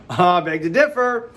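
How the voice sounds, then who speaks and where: A man delivers a motivational talk straight to the camera with a lively, swooping voice. He sits a bit high in pitch and leaps higher still to stress a point or act out someone he quotes. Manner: animated, jumps high for emphasis, acts out quoted people. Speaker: host.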